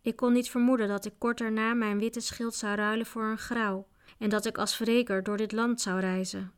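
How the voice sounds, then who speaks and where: A woman's voice: fairly high pitch, level tone, moderate pace, clean tone, close to an everyday voice. A woman reading aloud, voicing an earnest young male knight. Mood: wistful. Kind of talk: audiobook character voice.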